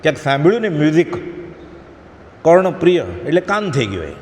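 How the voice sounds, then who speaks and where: A man's voice: fairly high pitch, big pitch swings, brisk, darkish tone. A man giving an earnest devotional discourse, admonishing his listeners and acting out short quoted prayers. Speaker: spiritual lecturer. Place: satsang hall. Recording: long hall reverb, faint ambient noise.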